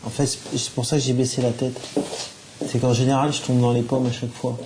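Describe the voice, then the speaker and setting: A man's voice: medium pitch, little pitch movement, brisk, background noise. A man hosting a TV show, chatting in a casual, joking and colloquial way with his guests. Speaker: TV host. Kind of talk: casual chat.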